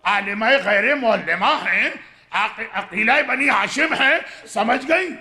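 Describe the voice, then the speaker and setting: A male preacher narrating a mourning sermon in an impassioned, declamatory way that often rises to a shout. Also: high voice, expressive. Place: Islamic center gathering hall.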